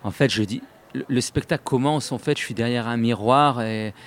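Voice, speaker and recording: A man of Sicilian descent raised in France, a stage singer, talking about his show in an animated, laughing, rambling way. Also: medium pitch, moderate pace. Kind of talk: casual interview.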